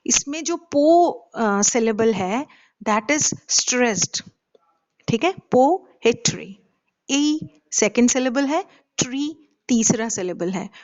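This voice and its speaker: Slow, deliberate woman teaching literature. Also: fairly high pitch, animated. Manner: slow and deliberate, with many hesitant fillers and questions to the class. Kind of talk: lecture mixing Hindi and English. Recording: dull lo-fi recording.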